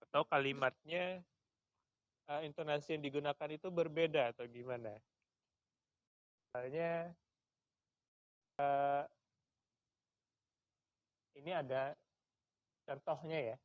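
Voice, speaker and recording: Man questioning a class, slow and deliberate. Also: fairly high pitch, fairly bright tone, clear, resonant tone, no room sound, dull audio. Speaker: lecturer. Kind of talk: classroom discussion.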